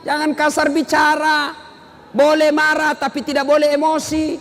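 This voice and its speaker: A middle-aged man preaching a humorous sermon, animated and playful as he acts out scenes in quoted voices. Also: extremely high pitch, normal speed, gravelly. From Indonesia. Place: large hall with audience. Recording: reverberant hall with faint noise.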